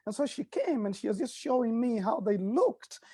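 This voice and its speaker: A man's voice: very high voice, sing-song, moderate pace, mellow, husky, no room sound. A middle-aged man hosting a talk show, hesitating with many uhs and ums and chuckling between remarks. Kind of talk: casual studio chat.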